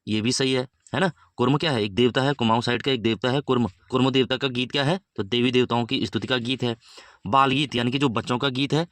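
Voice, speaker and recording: A man's voice: medium pitch, fairly bright tone, no room sound. A man teaching a Hindi grammar lesson for exam prep, explaining step by step and often checking in with "है ना". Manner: explains step by step, keeps adding "है ना".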